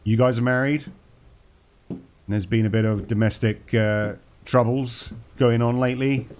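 A man's voice: medium pitch, fairly even intonation, a little slow, darkish tone, slight background noise. A man casually commenting on a horror game as he plays, joking and talking to the game's characters. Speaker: gaming channel host.

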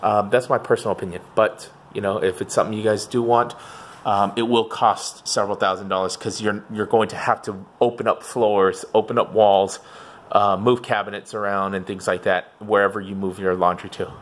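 Man, lowish voice, casual advice, thinking aloud, phone recording in a garage, faint background hum. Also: little pitch movement, normal speed. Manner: informal, thinking aloud with "um" and restarts. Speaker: home renovation advisor. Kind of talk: casual walkthrough explanation. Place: home garage, indoors. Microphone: handheld phone camera.

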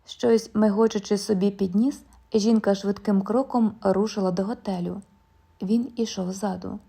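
A woman narrating a literary audiobook in a measured, calm storytelling manner. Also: medium pitch, creaky, slightly rough.

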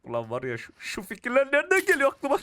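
A young man commentating his mobile shooter game, getting frustrated and shouting at opponents. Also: extremely high pitch, quick pace, a little hiss or hum. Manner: excitable, frustrated outbursts while playing. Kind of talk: live gameplay commentary. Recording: clear game gunfire behind the voice. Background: shooter game gunfire and clicks.

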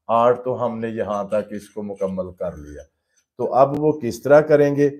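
Mellow-voiced painting teacher. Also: male voice, medium pitch. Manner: patient, explains step by step in plain everyday terms; addresses students fatherly as "beta". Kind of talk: live painting demonstration lesson.

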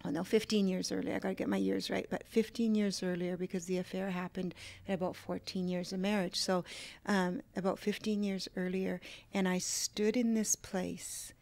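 A woman guest on a faith talk show, telling a personal story with emotion, dropping to a hush and then turning animated. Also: medium pitch, normal speed, gravelly, no room sound. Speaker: guest author.

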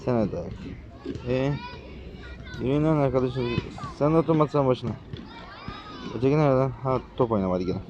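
A young man giving casual gameplay commentary as a gaming YouTuber, talking in a rough, slangy and bossy way to the characters on screen. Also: mid-range voice, a little fast, pauses often, dull audio, background noise.

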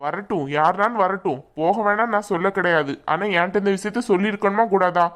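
A woman's voice: medium pitch, quick pace, close to an everyday voice. A woman voicing an angry, suspicious young husband in a cartoon, speaking curtly in a Tirunelveli Tamil accent. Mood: accusing. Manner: accusing, curt. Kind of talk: cartoon voice acting.

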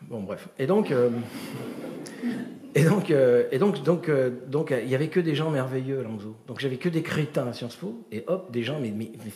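A middle-aged man giving a comic storytelling lecture, animated and full of imitated voices and sounds, with many restarts. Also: medium pitch, normal speed, echoey room, slight background noise. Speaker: performer of a gesticulated lecture.

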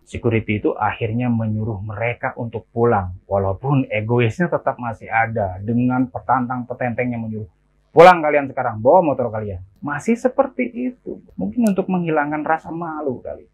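A man telling a horror story in a casual, chatty way, often calling out to his listeners. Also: mid-range voice. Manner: chatty, addresses listeners directly. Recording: tinny phone-like recording, faint hiss.

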